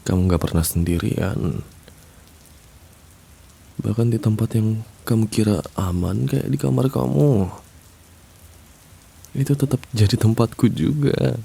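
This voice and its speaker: A man plays a creepy, obsessive young man in what sounds like an intimate ASMR roleplay, murmuring in a hushed, cooing manner and chuckling low. His very deep, gravelly, husky voice is exaggerated and drawls slowly, creating a soothing menace.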